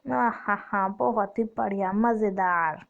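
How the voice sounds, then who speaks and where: A wicked female witch who devours children, as a woman puts her on for a doll story. She gloats slowly and cackles between lines. The recording sounds dull and lo-fi. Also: medium pitch, gravelly. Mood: cruel glee. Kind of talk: doll story play-acting.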